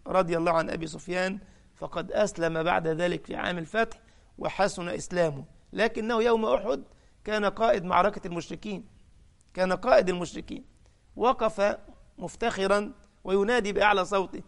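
A man's voice: high-pitched, a little fast, gravelly. A man with an Egyptian Arabic accent preaching a sermon, telling the story dramatically and putting sudden force on key phrases. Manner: dramatic storytelling, raising the voice for quoted cries.

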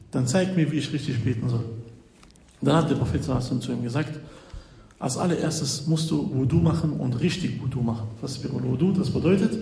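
This preacher has a fairly high but dark-toned voice as he walks through a hadith-based religious lesson step by step. Faint noise and echo fill the hall, and he keeps asking "ja?" while using slightly nonstandard grammar.

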